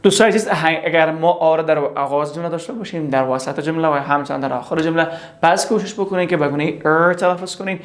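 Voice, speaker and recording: A pronunciation teacher, repeating each English word slowly two or three times in a drill lesson. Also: medium pitch, steady tone.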